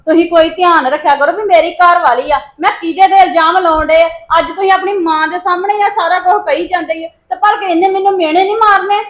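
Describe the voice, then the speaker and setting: A woman's voice: very high voice, fairly even intonation, fast, hardly any pauses. A woman acting as a young wife who defends herself against accusations in a family drama. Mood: indignant. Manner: defensive, pleading.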